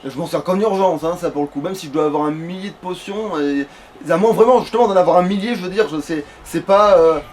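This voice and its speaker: High-voiced and brisk, this gamer swears without restraint while grumbling through casual commentary in his let's play. The home game recording is noisy.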